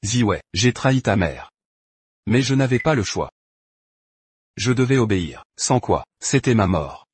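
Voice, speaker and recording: A proud, scheming duke in a French drama dub. The voice is husky and low, with a lively rise and fall. The recording is dry and close. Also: male voice, a little slow, long pauses, no echo. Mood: confessing. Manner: harsh, threatening. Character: scheming middle-aged duke, proud and vindictive.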